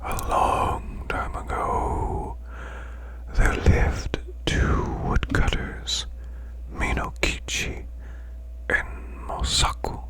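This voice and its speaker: In a slow, deliberate ASMR bedtime-story style, a performer voices a male demon boss. The whisper is hushed, breathy and growling, and the mood is hushed and eerie.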